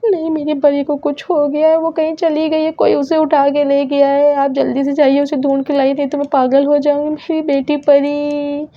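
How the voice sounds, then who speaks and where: A woman's voice: high voice, level tone, moderate pace, hardly any pauses, pitched above the performer's own voice. A woman voicing a worried young mother who pleads and sobs while searching for her missing daughter, in a doll story. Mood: distraught. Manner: pleading, tearful. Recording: dull lo-fi sound.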